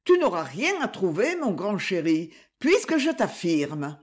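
A woman's voice: lowish voice, very animated, unhurried. A reader voicing a pleading, insistent aristocratic mother in an audiobook. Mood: persuasive. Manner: imploring, tenderly persuasive.

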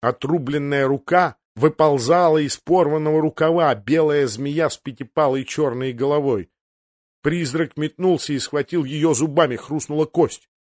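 A man reading a fantasy audiobook aloud in a steady, dramatic narration. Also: a little high, normal speed, dry recording, clean studio sound. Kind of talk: scripted narration.

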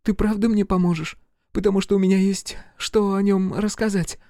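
A man's voice: high voice, little pitch movement, normal speed, warm tone, a little hiss or hum. A man reading an audiobook voices a frightened young woman, plaintive and pleading.

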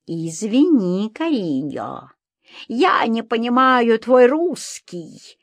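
A woman's voice: on the low side, lively intonation, unhurried, no room sound. Audiobook: scheming foreign husband, sly and curt, as a woman reader does him, broken Russian, dry read. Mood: menacing.

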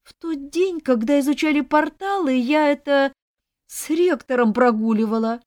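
A woman voicing a timid, frightened young woman in an audiobook, squeaky and panicky. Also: moderate pace, a little mellow, dry recording, clean studio sound, lightly acted. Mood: sheepish. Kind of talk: audiobook reading.

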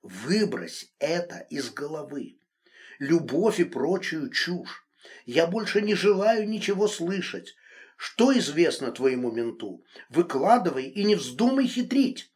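A man's voice: sing-song, slow pace. A man voicing a furious, controlling married man. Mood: hissed threats. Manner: shouting accusations, then hissing low threats. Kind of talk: audiobook reading.

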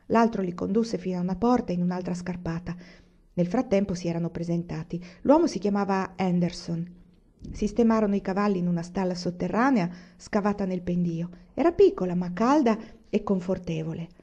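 A woman reading a novel aloud in a measured, even narration. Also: fairly low pitch, lo-fi sound. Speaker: audiobook reader.

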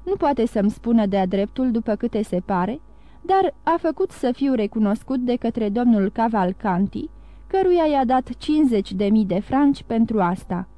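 A woman's voice: a little high, animated, dark tone, no room sound, lightly acted. A woman reading the part of a young man, a cunning, boastful schemer, in an audiobook. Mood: confiding.

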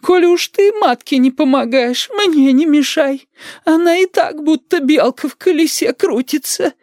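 A man's voice: very high voice, unhurried, darkish tone, dry recording, studio quality, voice pushed up. A man doing a wailing old granny. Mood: lamenting. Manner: whiny lamenting sing-song. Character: fretful old grandmother, reproachful.

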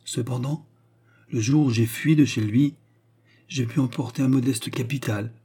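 A man's voice: medium pitch, normal speed, warm tone, husky. A man voicing a scheming young kept woman in an audiobook reading, pleading and then commanding her lover. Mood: earnest.

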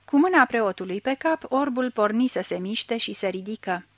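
A woman narrating a literary story in a measured, expressive reading voice. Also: a little high, no room sound. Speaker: audiobook reader.

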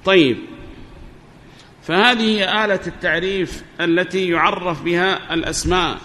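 A man's voice: sits high, steady tone, normal speed, pushed and bright. A man teaching an Arabic grammar lesson on a microphone, asking his students questions and repeating their answers. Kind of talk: classroom lesson explaining a grammar poem. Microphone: amplifier microphone. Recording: reverberant hall, faint background noise.

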